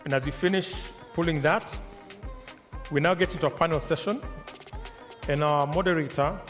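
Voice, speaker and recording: Higher-voiced guy emceeing a conference, lots of ums, echoey hall with faint music. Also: moderate pace, fairly bright tone. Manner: hesitant, filler-heavy introductions. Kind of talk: live event hosting.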